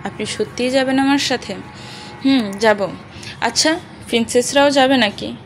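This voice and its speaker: A woman's voice: on the high side, moderate pace, background noise. A woman reading an audio story aloud, narrating and speaking every character's dialogue in one voice.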